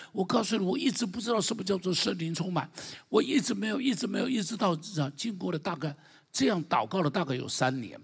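An older man with a Taiwanese Mandarin accent, a pastor preaching a sermon, moving from quiet storytelling to loud, fervent declarations. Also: on the high side, creaky, breathy edge.

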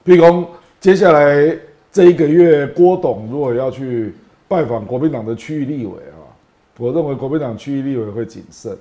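A man's voice: medium pitch, moderate pace, dark tone. A man with a Taiwanese accent giving casual political commentary as a guest, colloquial and emphatic, with particles closing his phrases.

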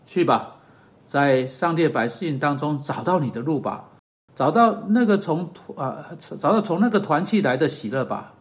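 A man giving an earnest sermon-style podcast teaching that closes in prayer, pausing on fillers and correcting himself as he goes. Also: on the high side, lively intonation. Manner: earnest, measured, with hesitant fillers and self-corrections.

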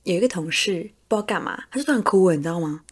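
A woman's voice: lowish voice, racing, breathy edge. A young woman with a Taiwanese Mandarin accent, co-hosting a casual podcast chat and acting out the quotes in her stories. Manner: animated storyteller, acts out quotes. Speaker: podcast co-host.

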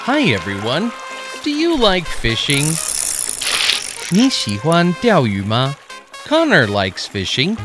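Slow, very animated man presenting kids' news. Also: medium pitch. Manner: simple, carefully phrased, expressive delivery. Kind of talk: scripted bilingual storytelling for young learners. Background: background music.

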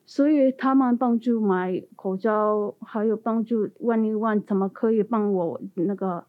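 Female interview guest, foreigner speaking accented Mandarin, halting and simple, on a muffled narrow-band line. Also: medium pitch. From India. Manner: non-native Mandarin speaker, halting, simple phrasing with repetitions. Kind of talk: conversational interview answers. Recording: muffled narrow phone-like sound.

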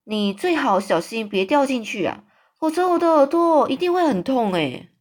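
A woman voicing a huge, gentle, friendly male giant in a storybook read-aloud, talking in a raised, fussy, complaining tone. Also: high-pitched, very animated, moderate pace, voice pushed up.

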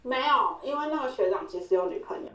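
A lively podcast co-host, a woman, tells a story with a lot of laughter. Her voice sits a little high. She sounds distant from the mic, in a room with plenty of echo. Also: quick pace, lo-fi sound. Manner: animated, laughing often, acting out quoted lines. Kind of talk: casual storytelling chat. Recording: roomy echo, voice set back from the mic.

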